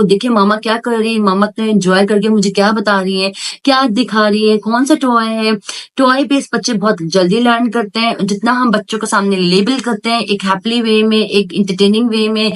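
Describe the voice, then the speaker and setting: A woman speech therapist talks parents through how to build a toddler's speech at home. She explains in a clear, teacherly way, repeating key points and mixing English words into her sentences. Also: mid-range voice. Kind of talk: parenting tips explained with toy demonstrations.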